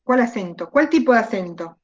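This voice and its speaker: A woman's voice: on the high side, lively intonation, brisk. Woman teacher on a lo-fi video call. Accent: Argentine Spanish. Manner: questioning, repeats key words. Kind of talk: online class lecture. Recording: dull lo-fi video call audio.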